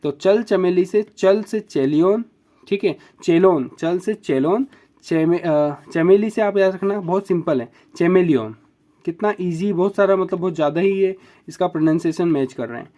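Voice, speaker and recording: A man teaching biology, explaining memory tricks for examples and slowly repeating key words for emphasis. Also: high voice, warm tone.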